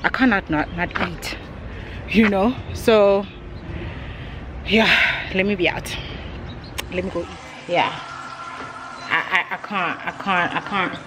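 A young woman chatting casually to a handheld camera for her vlog, animated and laughing between phrases. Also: lowish voice, slow pace, long pauses, background noise. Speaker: vlogger. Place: gym, kitchen and parked car. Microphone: handheld camera at arm's length. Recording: loud music playing behind her.

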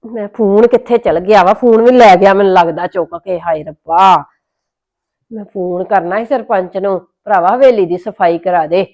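A woman's voice: mid-range voice, normal speed, a little mellow. A woman with a Punjabi accent playing an exasperated elder sister who scolds and complains. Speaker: elder sister in a family drama. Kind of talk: Punjabi web-series acting.

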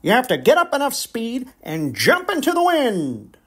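A woman's voice: high-pitched, huge pitch swings, normal speed, breathy edge, voice pushed up, heavily acted. A woman reading a storybook aloud and voicing a bossy male reindeer coach. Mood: instructive.

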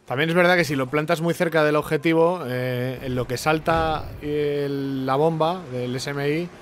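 A young man from commentating his own gameplay, excitable, with sudden shouting bursts and repeated words. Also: a little high, moderate pace, a little hiss or hum. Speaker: gaming YouTuber.

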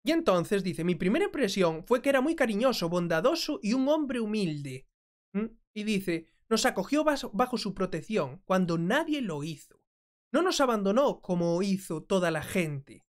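A woman's voice: medium pitch, very animated, moderate pace. A woman hosting a commentary video, translating and reacting to clips in a chatty way, often asking "mm?". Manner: conversational, frequent checking "¿mm?". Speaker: commentary host.

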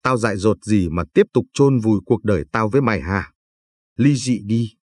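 A man's voice: on the low side, animated, moderate pace, darkish tone, no room sound. A man reading a sneering cruel husband. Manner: sneering, insulting, threatening. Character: cruel contemptuous rich husband, threatening.

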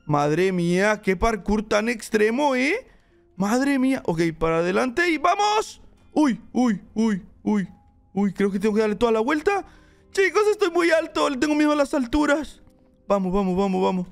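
Young man, let's play commentary, very high voice, gravelly fry, soft background music. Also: moderate pace. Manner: excitable, chatty, talks to his viewers. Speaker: gaming channel host.

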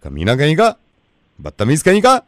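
A touchy young call-center agent, high and swooping, snaps orders and takes offense at everything, as a male prankster puts her on. The sound is dry and close. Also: wildly swooping pitch, no room sound. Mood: outraged. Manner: haughty, quick to take offense, bossy.

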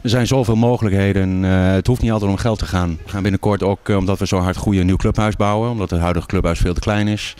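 A man's voice: deep voice, fairly even intonation, quick pace, hardly any pauses, darkish tone, smooth. A man in his fifties from a sponsorship committee, speaking steadily and matter-of-factly with fillers in a casual interview. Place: small indoor café. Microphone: handheld microphone.

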